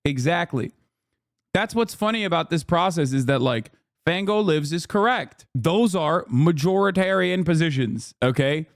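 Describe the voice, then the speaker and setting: A man's voice: on the high side, lively intonation, moderate pace, dry recording, clean studio sound. A man streaming a reaction, ranting heatedly about politics with heavy swearing and emphatic repetition. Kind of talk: live-stream reaction rant.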